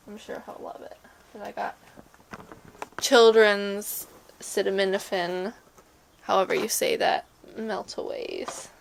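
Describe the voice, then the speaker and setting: A sick woman with a stuffy nose and a sore throat, chatting casually to camera at home in a rambling, soft-hearted way. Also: mid-range voice, vocal fry, slight background noise. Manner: rambling, soft-hearted talk to pets and objects. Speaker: vlogger. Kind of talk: casual chat to camera, sick day vlog. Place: at home in a bedroom.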